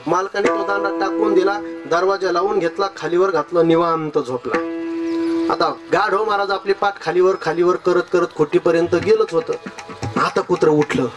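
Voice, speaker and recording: A man's voice: high-pitched, fairly even intonation, moderate pace, music in the background. A male kirtan preacher telling a folk parable with humor, speaking directly to his audience. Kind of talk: devotional kirtan sermon with folk storytelling.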